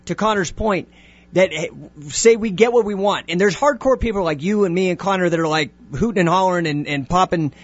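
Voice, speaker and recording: A man hosting a call-in talk radio show, brisk and quick to cut callers short. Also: high voice, dry recording. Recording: dull lo-fi radio studio sound.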